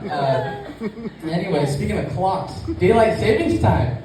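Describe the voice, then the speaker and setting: Over a noisy crowd, a young amateur comic with a high, very animated voice takes his time, hesitating and rambling through his set. The small live audience sits with him in an echoey room, recorded from a distance with clear background noise.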